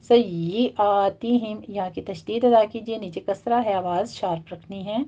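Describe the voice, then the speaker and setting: A woman teaching the rules of Quran recitation. She explains each point patiently, one step at a time, and slows into a drawn-out chant when she recites the verses. The recording sounds dull and muffled, like lo-fi audio. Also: mid-range voice, steady tone, warm tone.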